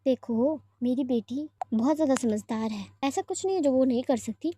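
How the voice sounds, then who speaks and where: A woman reading a story aloud, voicing a soft-spoken father who coaxes and indulges his daughter calmly. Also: high voice, moderate pace, a little hiss or hum, lightly acted. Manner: calm, coaxing, indulgent.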